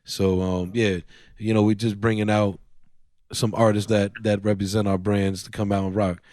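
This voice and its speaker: A middle-aged man, a guest on a podcast, telling animated stories and giving shout-outs with a lot of repeated phrases. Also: on the low side, normal speed, noisy background. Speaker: guest, hip-hop artist and promoter. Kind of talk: casual podcast storytelling. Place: podcast studio.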